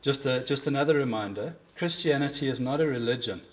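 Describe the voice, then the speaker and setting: A man's voice: mid-range voice, quick pace. A man preaching a sermon in an earnest, conversational way, repeating key points for emphasis. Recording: tinny phone-like audio.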